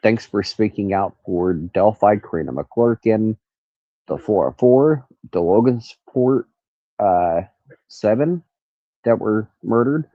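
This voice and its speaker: With crickets and cicadas in the background, a nasal-voiced man talks through a rambling true crime livestream from an outdoor country carport, stopping to look things up. His voice is on the low side and expressive, at a slow pace. The lo-fi recording has no room sound.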